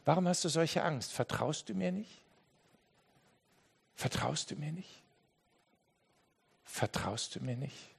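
A man voicing Jesus as a calm, gentle adult man who speaks quietly and slowly. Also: medium pitch, creaky, slightly rough, big-room sound. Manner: quiet, soft, slow.

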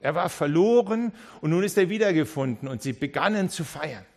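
A male pastor delivers a sermon with a voice pitched a little above the usual for a man. He tells the story with animation, slipping into the characters' parts and restarting his sentences along the way. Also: a little fast, vocal fry. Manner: lively storytelling that acts out the characters; frequent restarts and repeated words.

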